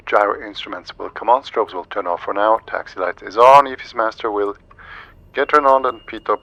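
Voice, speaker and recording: A low-voiced man with a bright, forceful edge talks through a cockpit procedure step by step, thinking aloud as he goes. His delivery is gravelly and mixes live commentary with pilot radio calls, recorded in dull lo-fi headset sound. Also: no echo. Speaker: streamer flying a flight simulator.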